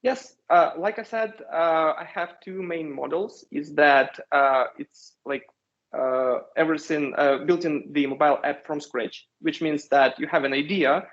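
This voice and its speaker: A man in his thirties from Ukraine with a Ukrainian accent, a company founder giving measured interview answers with frequent hesitations. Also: fairly high pitch, fairly bright tone. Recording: dull lo-fi sound.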